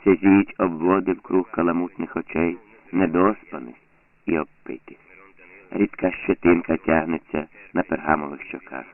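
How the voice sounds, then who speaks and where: Deep gravelly male audiobook narrator. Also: fairly even intonation, moderate pace. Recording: tinny lo-fi phone-like sound.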